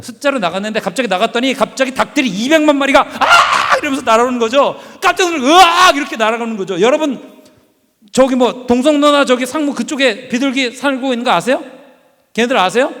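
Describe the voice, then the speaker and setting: A man giving a lively, humorous sermon in a church, quizzing the audience and acting out scenes. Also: very high-pitched. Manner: animated, asks the audience questions and acts out scenes. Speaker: guest preacher. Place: church sanctuary. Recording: long reverb of a church hall.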